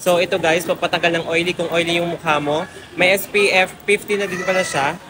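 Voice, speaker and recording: A man's voice: flat delivery, brisk. A man casually promoting a skincare product to his viewers, recorded on a phone inside a shopping mall. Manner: chatty, upbeat sales pitch to viewers. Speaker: product reviewer. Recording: noisy mall ambience behind.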